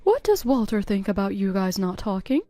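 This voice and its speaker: A woman's voice: mid-range voice, very animated, moderate pace, warm tone, no echo, soft background music, lightly acted. A woman voicing a chatty middle-aged friend who asks nosy questions. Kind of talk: text-story voice acting.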